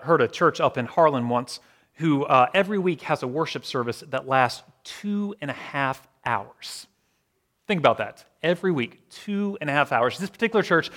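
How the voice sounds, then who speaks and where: A male pastor delivering a sermon with a slightly higher voice than most men. He talks reflectively, leaning into slow dramatic pauses and letting phrases fade to near a whisper. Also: fairly bright tone.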